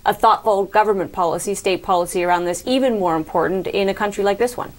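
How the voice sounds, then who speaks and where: A woman in her thirties hosting a TV news interview, putting brisk, probing questions to her guest, on a lapel mic in a studio. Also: medium pitch. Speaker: TV news host.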